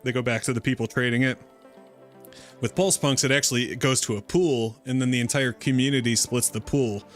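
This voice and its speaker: A man's voice: medium pitch, steady tone, a little fast, faint music behind. A man hosting a casual crypto livestream, talking in a fired-up, rambling way with frequent restarts. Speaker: livestream host.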